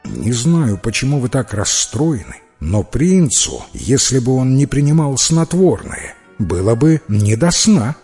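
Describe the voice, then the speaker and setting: A man's voice: medium pitch, very animated, a little slow, hardly any pauses, warm tone, faint music behind. A man voicing a kind, plain-spoken palace servant in a storybook, speaking with sympathy. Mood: sympathetic.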